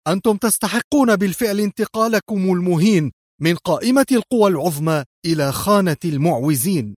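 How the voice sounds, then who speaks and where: A man's voice: mid-range voice, no echo, clean studio sound, lightly acted. A man reading a storybook voices a ruthless, furious spy-ring boss who barks harsh, contemptuous orders.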